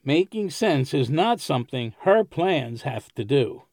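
A man's voice: medium pitch, big pitch swings, unhurried, darkish tone, dry recording, clean studio sound. An actor playing a chatty, wry male neighbor at a resort in an audio drama.

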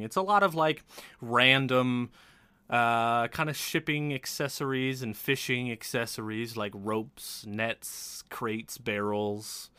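A male game master describes a town scene with a bright, forward voice. The recording sounds close and dry. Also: medium pitch, smooth, no room sound. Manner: descriptive, casual fillers. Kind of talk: narrating a tabletop game.

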